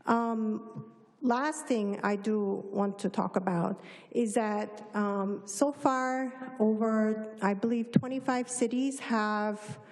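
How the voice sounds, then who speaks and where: A woman speaks very slowly at a public meeting, hesitating and pausing often as she makes her comment. Her mid-pitched voice carries a long hall reverb. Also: steady tone, a little mellow. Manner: halting, hesitant, frequent long pauses. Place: large indoor council chamber.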